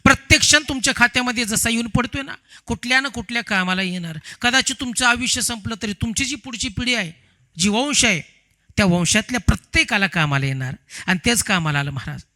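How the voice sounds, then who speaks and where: A man preaching a devotional sermon, telling parables in an animated way and asking the audience rhetorical questions. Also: extremely high pitch, a little fast. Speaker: kathakar preacher.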